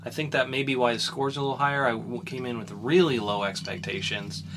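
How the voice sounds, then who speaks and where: Background noise sits behind a young man co-hosting a podcast, where he reviews comics in relaxed, rambling chatter full of fillers and restarts. He talks fairly quickly in a medium pitch.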